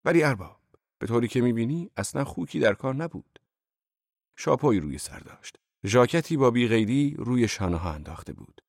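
A man voicing a boisterous, mocking older male laborer who talks loud and teasing in an audiobook. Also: medium pitch, expressive, creaky, no echo, studio quality, pitched above the performer's own voice.

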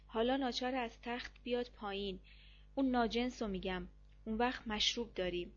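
A woman voicing a drunk, brawny male officer who keeps shouting frantic orders. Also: a little high, lo-fi sound, close to an everyday voice. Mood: gloating.

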